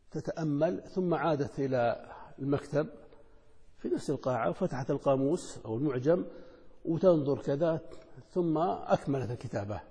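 A man explains a lesson step by step, asking questions and then answering them. His voice sits a little high and sounds warm and mellow. A long reverb trails each phrase, as in a hall. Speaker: teacher.

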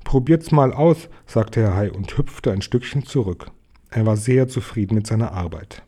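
A man reading a children's book aloud in a calm, even storytelling manner. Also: on the low side, moderate pace. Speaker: storybook reader.

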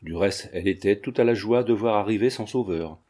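Mellow male audiobook narrator. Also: lowish voice, brisk. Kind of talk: scripted narration.

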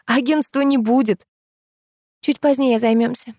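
A woman voicing an excited scheming young woman. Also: fairly high pitch, a little slow, dry recording, studio quality, pitched above the performer's own voice. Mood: evasive. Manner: feverish, secretive.

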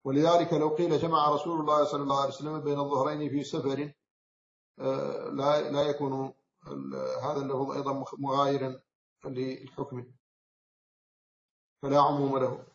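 A man from Mauritania, an Islamic scholar, giving a measured explanatory lecture on a classical text, often pausing and correcting himself. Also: mid-range voice, flat delivery, vocal fry. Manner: measured, explanatory, with frequent self-corrections and hesitations. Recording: roomy, slightly dull recording.

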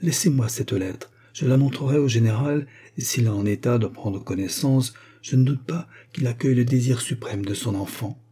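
A man's voice: medium pitch, moderate pace, few pauses, warm tone, breathy edge, natural voice. A man voicing a kindly, earnest young Orthodox priest.

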